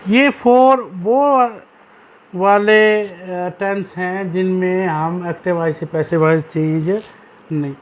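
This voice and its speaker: Man, Pakistani accent, English teacher, high voice, slow and repetitive, checks in with students. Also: steady tone. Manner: addresses students fondly, reads English text aloud. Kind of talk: classroom grammar lesson.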